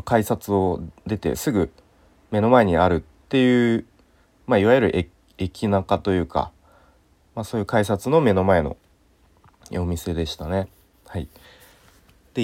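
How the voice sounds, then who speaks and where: A man in his thirties hosting a casual solo talk show, relaxed and unhurried with lots of fillers, his throat a little sore and his nose stuffy. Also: on the low side, no echo. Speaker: podcast host.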